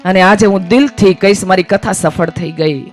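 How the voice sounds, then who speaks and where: Female village preacher on a stage mic: exhorting, asks and answers her own questions, soft music under her. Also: mid-range voice, moderate pace. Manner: emphatic, rhetorical questions, rising exhortations. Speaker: religious storyteller preacher. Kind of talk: devotional sermon to a village gathering. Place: village religious gathering.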